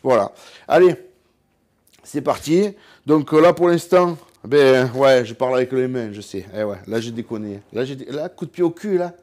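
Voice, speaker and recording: A man's voice: mid-range voice, moderate pace, a little mellow. A man from southern France with a southern French accent, chatting casually through a cooking vlog, rambling, joking and saying "voilà" constantly. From Cévennes, southern France. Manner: talks straight to the viewer, jokes and laughs at himself. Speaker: home cook and hunter.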